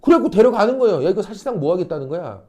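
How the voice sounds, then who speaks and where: A man teaching a high-school history class, blunt and teasing, quizzing students and acting out a king's orders. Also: sing-song, rapid-fire, warm tone. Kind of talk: classroom lecture.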